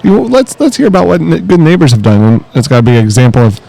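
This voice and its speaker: A man co-hosting a podcast in casual chat, playful and quick with a joke. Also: fairly high pitch, very animated, gravelly, mellow, low-quality recording. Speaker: podcast co-host.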